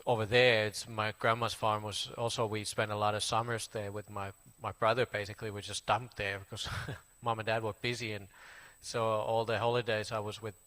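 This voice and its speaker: A man in his forties from Finland with a Finnish accent, a Buddhist monk casually introducing himself in halting English full of fillers and restarts. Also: fairly low pitch, level tone, sharp tone. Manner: halting, many fillers and restarts, plain friendly telling. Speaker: Buddhist monk giving a talk. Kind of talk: casual spoken self-introduction.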